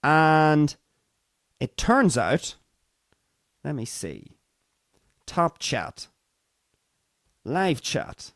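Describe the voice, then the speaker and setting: A man's voice: on the high side, very animated, very slow, pauses often, no echo, studio quality. A man with a Northern Irish accent hosting a livestream talk show in a casual monologue, theatrical and repeating phrases for emphasis. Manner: theatrical, emphatic repetition for effect. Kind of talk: casual monologue to live stream audience.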